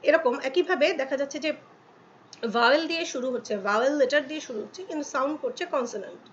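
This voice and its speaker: A woman teaching English grammar in Bengali, reading English examples slowly and often checking in with the listener. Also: high voice. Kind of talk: explaining articles to students in Bengali. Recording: dull lo-fi with faint ambient noise.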